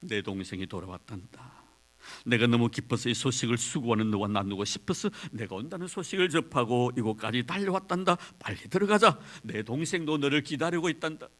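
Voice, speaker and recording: A man voicing a gentle, loving old father who coaxes his grown son in low, soft tones. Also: lively intonation, fairly quick, natural voice. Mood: tender, coaxing.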